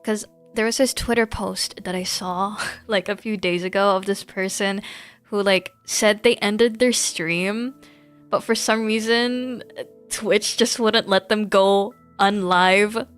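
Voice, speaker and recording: With music playing in the background, a woman streaming games chats casually, giggly and rambling. Her medium-pitched voice is steady and clean in tone, and she speaks slowly.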